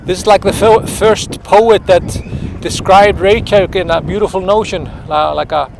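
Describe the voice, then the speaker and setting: This man leads a live-streamed walking tour outdoors beside a city pond, with a winter wind blowing and background noise audible. The Icelandic guide's voice sits high and gravelly, with fairly even intonation and a moderate pace. Sniffly from the cold, he chats along, greeting viewers by name and hunting for words.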